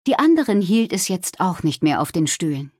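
A woman narrating a children's story in a lively, expressive storytelling voice. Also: on the low side, normal speed, breathy edge, dry recording, clean studio sound. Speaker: audiobook reader.

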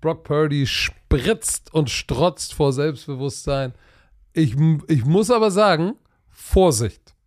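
A tired man with a fairly high voice chats about football picks in a loose podcast. He talks in an animated way, full of wild images and trash talk. The recording is dry and close, with no room sound. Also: slow, dry recording. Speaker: podcast co-host. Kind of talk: casual sports chat.

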